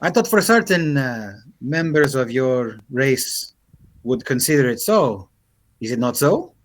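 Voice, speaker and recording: A man's voice: mid-range voice, big pitch swings, a little slow. A man voicing a pirate ship's first mate in a tabletop game, speaking formally and skeptically in questions. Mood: formal, questioning. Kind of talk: tabletop role-play character voice.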